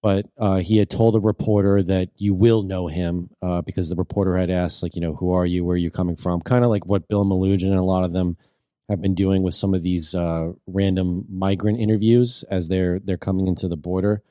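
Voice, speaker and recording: A man's voice: low-pitched, fairly even intonation, a little fast, dark tone, clean tone, no echo, studio quality. A man co-hosting a news show, reading out reports hesitantly with many fillers. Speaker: co-host.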